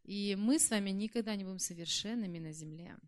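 A woman interprets a sermon consecutively, repeating each phrase right after the preacher speaks it. Her voice is of middle pitch. She keeps close pace with the speaker and sometimes trails off mid-word. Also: quick pace. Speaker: church interpreter.

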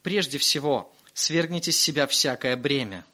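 A man interpreting a sermon line by line, fluent and quick, with small restarts. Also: mid-range voice, expressive, bright, forceful tone.

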